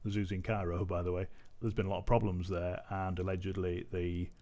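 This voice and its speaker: A man's voice: low-pitched, flat delivery, fairly quick, warm tone. A man giving casual commentary as a vlogger, amused and often breaking into laughter while he reads out a news article.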